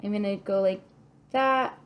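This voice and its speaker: In a medium-pitched voice at a slightly slow pace, this kindergarten teacher explains a children's craft one step at a time, thinking aloud and offering encouragement. She often asks the listener questions. The audio sounds dull.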